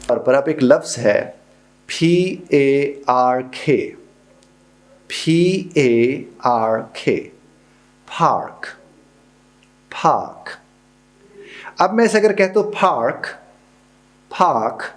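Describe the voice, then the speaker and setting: A middle-aged man with a Pakistani Urdu accent, teaching a pronunciation lesson, spelling out and repeating example words slowly. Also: mid-range voice, vocal fry, darkish tone. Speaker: pronunciation trainer. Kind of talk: spoken lesson.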